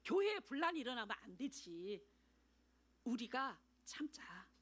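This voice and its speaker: Woman voicing an angry wife in a sermon skit: shrill and jumpy. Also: a little slow, slightly rough, full character voice. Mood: sweet coaxing. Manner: shrill when angry, coaxing when calm. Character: angry wife, later softening and sweet.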